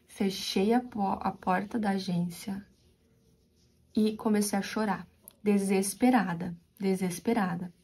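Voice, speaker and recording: Mellow-voiced Brazilian woman telling a story. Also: medium pitch, husky. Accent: São Paulo interior Brazilian Portuguese. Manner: animated, confiding storyteller who addresses viewers directly. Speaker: crochet channel host. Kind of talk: storytelling while crocheting.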